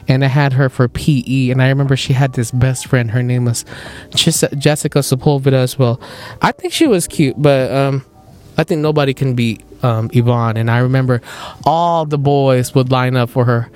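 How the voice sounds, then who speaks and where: A young man hosting a podcast, casually telling animated stories, laughing often and mimicking other people's voices. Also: medium pitch, moderate pace, hardly any pauses. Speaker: podcast host. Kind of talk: casual storytelling chat.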